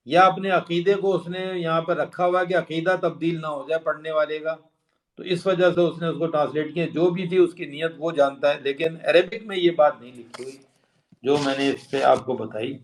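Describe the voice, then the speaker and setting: Male Quran teacher, slightly high-pitched, repeats word endings slowly to demonstrate, explains grammar patiently. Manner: mixes English terms into Urdu explanation.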